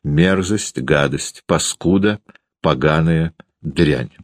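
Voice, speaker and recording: A man reading a classic novel aloud as an audiobook narrator, in an expressive storytelling manner. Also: rumbling low, slow pace, no echo, studio quality.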